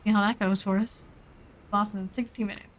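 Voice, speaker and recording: A woman's voice: mid-range voice, little pitch movement, fairly quick. A woman giving casual live gameplay commentary, muttering in short clipped fragments as she thinks aloud. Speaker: game streamer.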